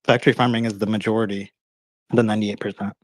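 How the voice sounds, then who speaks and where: A man debating casually on an online voice call, halting and often rephrasing his points. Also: on the low side, little pitch movement, dry recording. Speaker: debater on a live call-in show.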